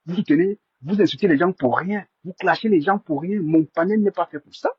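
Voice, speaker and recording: A man hosts a live stream and speaks to his viewers in a very husky, breathy, fairly high voice. He stammers, repeats words and sounds indignant and defensive. The sound is dry and muffled, like a phone mic close up. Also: brisk, no echo.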